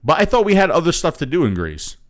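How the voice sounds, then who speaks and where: A man's voice: fairly high pitch, huge pitch swings, fast. A man co-hosting a casual chat, rambling and stammering through a joking story. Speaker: co-host.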